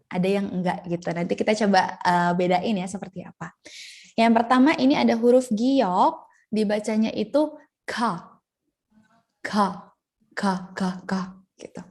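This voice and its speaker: A young woman teaching a Korean lesson over a video call, chatty and playful, slowly sounding out syllables. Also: medium pitch, a little mellow. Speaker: Korean language tutor. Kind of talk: online language lesson.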